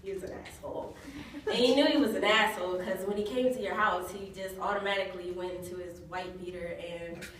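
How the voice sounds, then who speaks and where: A woman performing a stand-up comedy set, telling stories deadpan and often laughing at her own jokes. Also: mid-range voice, fairly quick, a crowd in the background. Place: comedy club stage. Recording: echoey club recorded from far off. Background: audience laughter and noise.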